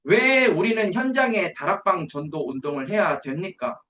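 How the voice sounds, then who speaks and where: A man's voice: sits high, normal speed, bright, forceful tone, reverberant. A man preaching a sermon at an evangelism school, emphatic, posing rhetorical questions and answering them himself.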